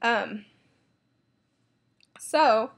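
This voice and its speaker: A woman's voice: fairly high pitch, drawn-out words, gravelly. A young woman chatting casually to camera in a vlog, bubbly and rambling, full of "like" and "um". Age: young adult. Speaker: vlogger. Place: Florida.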